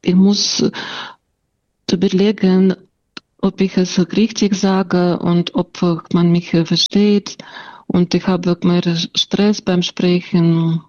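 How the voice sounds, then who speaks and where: As an interview guest, a woman with a Russian accent and a stutter tells her personal story and answers questions, with sound blocks and many fillers. Her voice is low, level, slow, and a little mellow. The audio is dull with no echo.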